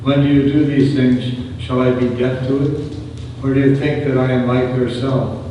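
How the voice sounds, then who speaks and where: A man's voice: mid-range voice, little pitch movement, normal speed, mellow, lo-fi sound. A man reading scripture and psalm verses solemnly as a lector at Mass in a large church. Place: large reverberant church, away from the microphone. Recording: very echoey church, distant, clearly noisy.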